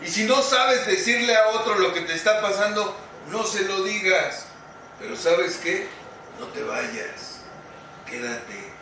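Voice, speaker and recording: At a group meeting, a Mexican man shares his recovery testimony in a high-pitched voice with lively intonation, taking his time. His storytelling is slangy and profane, and he acts out what people said. It's captured from far off in an echoey, noisy hall.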